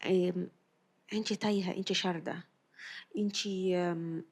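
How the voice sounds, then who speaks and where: A woman's voice: fairly low pitch, fairly even intonation, a little slow, breathy edge. A woman with an Egyptian accent giving a spiritual tarot reading to her viewers in an intimate, coaxing way, repeating her phrases and sometimes dropping to a whisper. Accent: Egyptian Arabic. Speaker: tarot reader.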